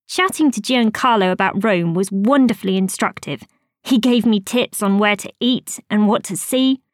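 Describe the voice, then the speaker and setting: A woman telling a first-person story as scripted narration, expressive and rising high on surprise and excitement. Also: dry recording, studio quality.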